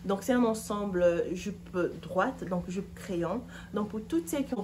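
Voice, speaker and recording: A woman's voice: on the low side, noisy background. A woman in her thirties, a fashion vlogger seated on a couch in her living room, giving a chatty, opinionated outfit review straight to her viewers. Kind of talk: casual outfit review to camera.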